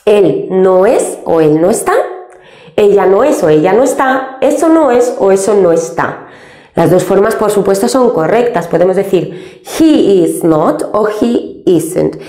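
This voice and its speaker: Woman from spain teaching english, slow patient examples, bouncy pitch, echoey room. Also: animated, dark tone. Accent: Spain Spanish. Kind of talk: step-by-step grammar lesson.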